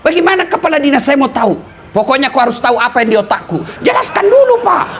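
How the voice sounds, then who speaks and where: A man from eastern Indonesia with a lilt, preaching a humorous sermon to a live audience, teasing and often shouting and laughing. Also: very high voice, big pitch swings, fast, slight background noise. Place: live event before an audience.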